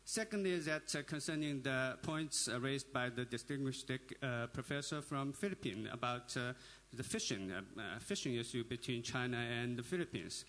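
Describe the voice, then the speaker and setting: A man making a long comment from the floor at a panel, halting and full of filler sounds. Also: medium pitch, a bit bright. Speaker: audience member at a panel.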